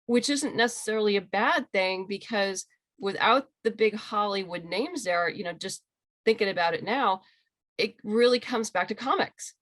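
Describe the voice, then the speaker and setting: A comic book writer and creator, she joins a video call as an interview guest and talks casually and emphatically, full of enthusiasm. Her medium-pitched voice is a bit bright, moves at a normal speed, and has no echo. The sound comes from a video call microphone.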